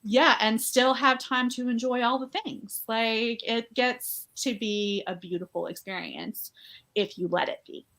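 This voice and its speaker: A woman's voice: fairly high pitch, measured pace, creaky, a bit bright. A woman guest on a podcast, talking in an upbeat, chatty way with lots of "like" fillers. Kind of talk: casual conversational interview.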